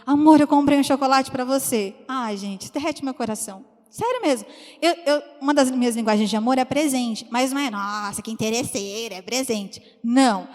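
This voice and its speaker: A woman with a high voice preaches to her church in a friendly, chatty way and tells stories. She acts out the voices of the people she quotes. Her voice rings with a long reverb from the church hall. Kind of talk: sermon.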